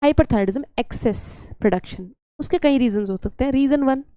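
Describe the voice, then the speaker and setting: A woman's voice: high voice, fairly quick, dark tone, dry recording. A young woman teaching biology in a chatty, scolding lecture style, often slipping English terms into her talk.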